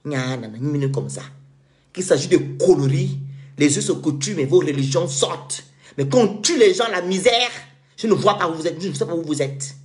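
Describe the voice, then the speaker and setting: A man's voice: high voice, a little fast. A man from Cameroon, delivering an indignant, sarcastic monologue rant as a vlogger.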